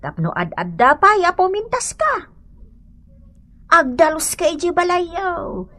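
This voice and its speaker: In a radio drama, an actress with an Ilocano accent plays an older woman earnestly counselling a young wife, emphatic, motherly and admonishing. Her full character voice is very high-pitched, very animated, sharp in tone, and slow-paced.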